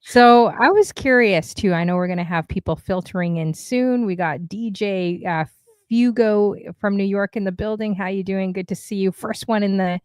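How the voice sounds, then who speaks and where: A woman's voice: mid-range voice, moderate pace, clear, resonant tone, dry recording, clean studio sound. A woman from Canada hosting a casual livestream talk show, chatty and upbeat, with lots of fillers.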